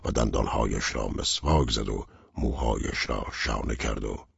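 Very deep, gravelly male narrator. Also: fairly even intonation, no room sound. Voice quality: gravelly, husky. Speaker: audiobook narrator. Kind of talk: scripted narration. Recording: dull lo-fi recording.

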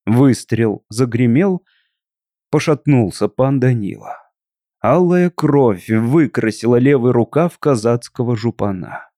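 A man's voice: medium pitch, dark tone, no room sound, studio quality. Man narrating a dramatic tale. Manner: measured, dramatic storytelling. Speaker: audiobook narrator.

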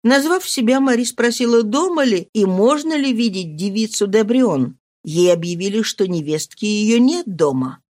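A woman reading a novel aloud as narrator, in an expressive, dramatic manner. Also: mid-range voice, normal speed. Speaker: audiobook reader. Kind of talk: scripted narration.

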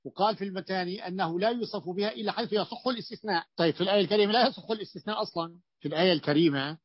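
Very fast and slightly rough, this high-voiced sheikh explains grammar and keeps asking his students questions, often restarting his sentences. The audio is a dull, lo-fi, dry recording without echo.

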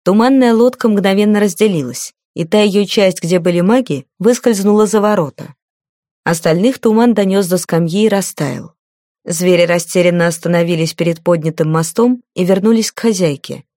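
A woman reads a fantasy novel aloud in a steady storytelling manner. Her voice sits a little low, and the recording is dry and close with no room sound. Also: normal speed, no echo. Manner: even, storytelling reading. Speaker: audiobook narrator. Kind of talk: scripted fantasy narration.

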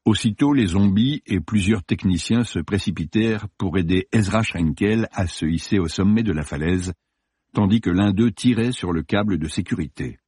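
A man narrating a crime novel as an audiobook in an expressive, dramatic reading, on a close studio mic. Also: low-pitched, normal speed, breathy edge, no echo.

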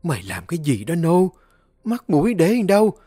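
A woman's voice: lowish voice, sing-song, normal speed, dark tone, breathy edge, no room sound, clean studio sound, faint music behind, pitched above the performer's own voice. A man voicing a fussy, scolding old woman in a storybook tale, wailing over her complaints. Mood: scolding, whining. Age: older.

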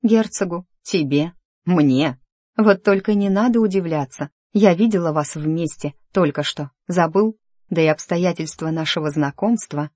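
A reader voicing an emotional young noblewoman in an audiobook, speaking in a pleading, higher voice. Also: measured pace, a little mellow, no room sound, clean studio sound, lightly acted. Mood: sad. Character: young noblewoman, agitated and hurt. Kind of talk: audiobook character dialogue.

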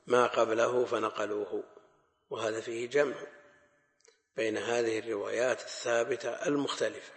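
A man with a gravelly, creaky voice teaches a classical Arabic lesson on hadith. He explains in a measured way, repeating key phrases for emphasis. His voice rings out with a long reverb, as in a large hall. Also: mid-range voice. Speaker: Islamic scholar teaching hadith.

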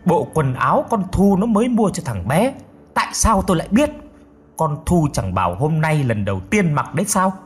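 A man's voice: on the high side, very animated, moderate pace, breathy edge, voice pushed up. A man voicing a stammering, grieving old grandmother. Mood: pleading. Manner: stammering, mournful, insistent. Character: frightened old grandmother haunted by a dream.

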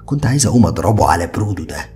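Rapid-fire male horror narrator, Egyptian accent, deep and gravelly with a faint hiss behind. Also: very animated, dark tone. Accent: Egyptian Arabic. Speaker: storyteller. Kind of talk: first-person horror story narration.

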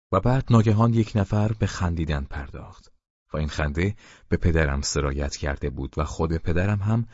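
A man narrating an audiobook in a steady, measured storytelling manner. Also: very deep voice, dry recording. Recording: dull, muffled sound.

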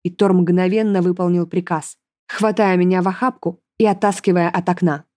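A woman's voice: lowish voice, fairly even intonation, normal speed, dark tone, no room sound. Woman narrating a story, dry close sound. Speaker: audiobook narrator. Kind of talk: scripted first-person narration.

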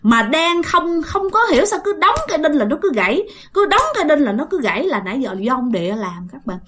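A woman's voice: sits high, big pitch swings, brisk, a bit bright, slight background noise. A woman with a Southern Vietnamese accent telling a ghost story in a chatty way, often addressing her listeners.

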